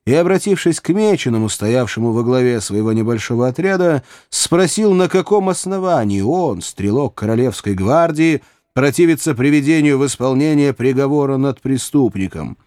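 A man narrating an audiobook in an even, measured way. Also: mid-range voice, dry recording, clean studio sound. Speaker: audiobook reader.

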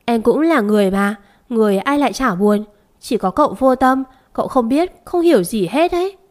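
A woman's voice: a little high, expressive, fairly quick, a little mellow, natural voice. A woman voicing a naive young servant girl who talks in a whiny, childlike way. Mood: sulky, whiny.

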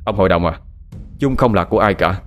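A man voicing an honest young farmer, earnest and quick to angry shouts. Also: deep voice, soft background music, natural voice. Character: honest young farmer, hot-tempered in grief.

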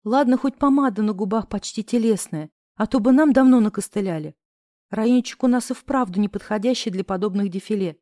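A woman narrating a novel in the first person, expressive and acting out the other characters' lines. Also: mid-range voice, brisk, dry recording, studio quality. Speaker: audiobook narrator.

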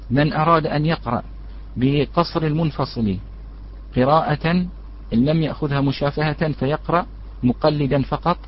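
A man teaching a religious lesson on recitation rules, addressing his listeners as brothers and asking them questions before answering. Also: fairly high pitch. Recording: dull lo-fi recording.

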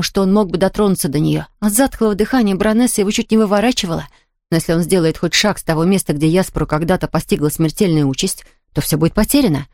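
A woman's voice: on the low side, darkish tone, no echo, clean studio sound. Woman narrating a spooky children's book. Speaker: audiobook narrator. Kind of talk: scripted narration.

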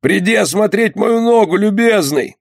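A dying ship's skipper, voiced by a man, groans in a raised, strained voice with a gravelly edge. He is short of breath, weak and wry, joking grimly about his wounds in a dry, close audiobook reading. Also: on the high side, animated, normal speed, no room sound, voice pushed up, full character voice. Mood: weakly joking.

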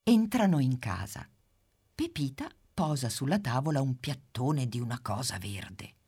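A woman narrating a children's storybook, gentle and expressive. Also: a little slow, slightly rough. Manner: gentle, expressive, drops low for speech tags.

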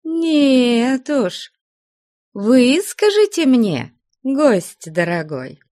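A woman's voice: sits high, sing-song, drawn-out words, dark tone, dry recording, clean studio sound, pitched above the performer's own voice, full character voice. A woman voicing a sweet, fawning older nun who fusses over a guest in an audiobook. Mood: coaxing. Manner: gushing, sugary.

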